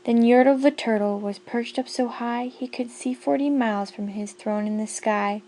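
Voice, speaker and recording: A woman's voice: a little high, steady tone, moderate pace, warm tone, low-quality recording. Woman reading a rhyming storybook aloud. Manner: rhythmic, sing-song rhyming narration. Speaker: audiobook reader.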